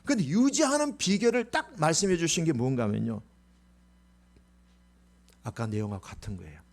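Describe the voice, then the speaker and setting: A man's voice: on the high side, lively intonation, moderate pace, vocal fry. A male pastor preaching a sermon, quizzing the congregation and acting out quotes.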